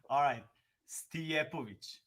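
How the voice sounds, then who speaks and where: A show host with a Serbian accent and a fairly high-pitched voice runs a casual livestream interview. He's relaxed, laughs easily, and replies with short words of agreement.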